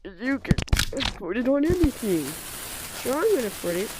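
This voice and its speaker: A woman's voice: a little high, sing-song, moderate pace. A woman voicing a clumsy old grandmother who fought in a war, in a quavering put-on granny voice during playful game role-play. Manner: quavering put-on granny voice, calls the other "Sonny". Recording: noisy gaming voice chat with clicks.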